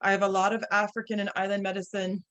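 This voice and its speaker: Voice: medium pitch, flat delivery, fast, fairly bright tone. A co-teacher, raised in the tropics, adding remarks during an herbalism class discussion. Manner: chimes in with short interjections.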